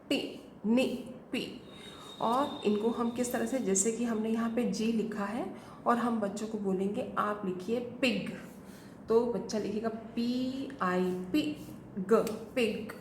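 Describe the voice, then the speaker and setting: A woman teaching a phonics lesson to parents, slowly sounding out simple words letter by letter. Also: a little high, darkish tone. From India. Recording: echoey room, faint noise.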